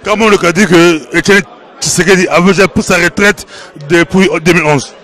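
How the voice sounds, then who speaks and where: A male interviewer presses his guest with probing, challenging questions. His voice sits fairly high. He is outdoors in a city, with a faint crowd in the background. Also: steady tone, moderate pace, a bit bright.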